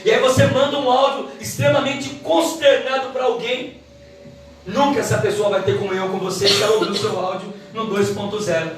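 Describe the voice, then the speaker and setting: A woman giving a church Bible lesson, quick and emphatic in her delivery. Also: mid-range voice, steady tone, a little hiss or hum. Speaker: Bible teacher. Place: church hall. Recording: echoey hall, mic from far off.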